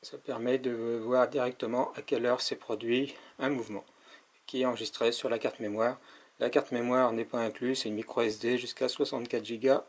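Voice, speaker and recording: A man's voice: medium pitch, level tone, normal speed. A man giving a casual hands-on product demonstration as a tech reviewer, explaining step by step with frequent hesitations.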